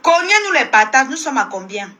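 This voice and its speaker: A woman's voice: sits high, big pitch swings, normal speed, sharp tone. A woman with a Cameroonian French accent hosting a live stream. She scolds her viewers and repeats herself in a combative rant. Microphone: phone live stream.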